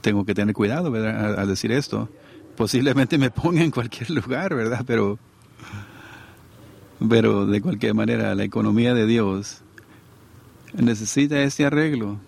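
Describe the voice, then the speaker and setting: A man's voice: fairly low pitch, moderate pace, creaky, pauses often, darkish tone. A middle-aged man preaching a sermon to a congregation in a conversational way, often asking his listeners to agree.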